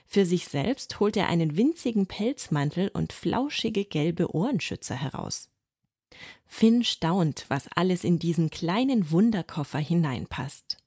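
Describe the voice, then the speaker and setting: A woman narrating a children's storybook in a calm, gently expressive reading. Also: fairly low pitch, unhurried, breathy edge, no echo, clean studio sound.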